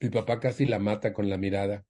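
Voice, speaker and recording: Dark-voiced man telling a story. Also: steady tone, fast. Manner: acts out quoted family members with raised pitch. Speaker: speaker at a support group. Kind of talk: storytelling counsel to an audience member.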